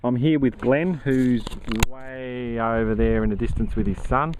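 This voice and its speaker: An Australian man talks in a chatty, slangy way as he narrates his own outdoor hunt. His voice sits at an ordinary middle pitch. A faint hiss of open-air noise runs underneath. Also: steady tone, unhurried, darkish tone, poor audio. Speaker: metal detecting vlogger. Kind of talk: casual narration while detecting. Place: outdoors in a grassy paddock.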